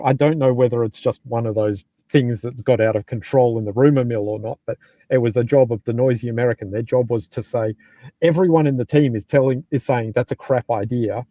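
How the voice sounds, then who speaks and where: A middle-aged Australian man with a dark, relaxed voice talks informally, offering blunt advice and stopping now and then to rephrase. The sound is close and dry but slightly muffled and lo-fi. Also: medium pitch, dry recording. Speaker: tech team lead giving career advice. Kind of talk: casual advice and anecdotes.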